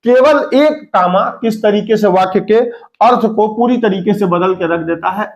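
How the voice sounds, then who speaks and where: A young man teaching English grammar in a Hindi-medium lesson, who explains slowly and repeats example sentences word by word. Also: high voice, dull audio. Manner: addresses students as "beta".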